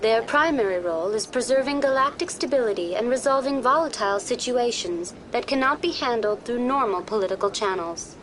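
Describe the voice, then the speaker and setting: A woman voicing a polite female virtual-intelligence information program in a video game, with an even, courteous, too-smooth synthetic delivery. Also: fairly high pitch, fairly quick, hardly any pauses, slight background noise, rough recording. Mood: calm informative. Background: game music.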